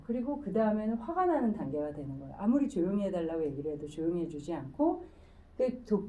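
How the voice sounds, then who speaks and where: A woman's voice: medium pitch, mellow, distant mic, rough recording. A woman giving a public lecture in a conversational, storytelling way, often asking the audience questions. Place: lecture room.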